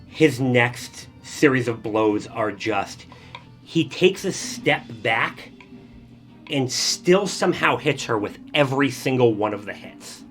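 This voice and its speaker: A man's voice: medium pitch, lively intonation, slow pace, fairly bright tone, faint music behind. A man working as game master, telling the story of a tabletop game in a casual, improvised, conversational way.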